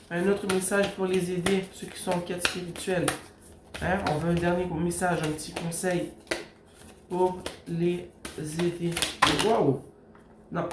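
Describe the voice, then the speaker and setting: French-speaking woman in an echoey room. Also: fairly low pitch. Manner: speaks straight to the viewer, calls on the universe in soft pleas. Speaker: tarot card reader. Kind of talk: casual spoken tarot reading. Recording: echoey room with steady background noise.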